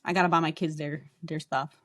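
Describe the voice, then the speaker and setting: A woman's voice: sits low, fairly even intonation, fairly quick, fairly bright tone, no room sound. A young adult woman co-hosting a podcast, telling rambling stories in casual chat and swearing freely. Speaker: podcast co-host.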